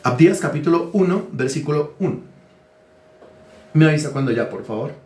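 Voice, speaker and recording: In a roomy-sounding space, a pastor with a fairly high, darkish, expressive voice gives a teaching sermon at normal speed. He asks the congregation questions and dictates words for them to write down.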